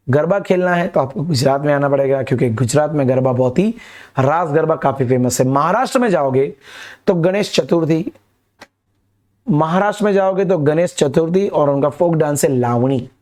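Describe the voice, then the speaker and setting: A man's voice: on the high side, darkish tone. A young man explains a lesson to students directly and mixes English words into his talk. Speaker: teacher. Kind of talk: animated classroom lesson.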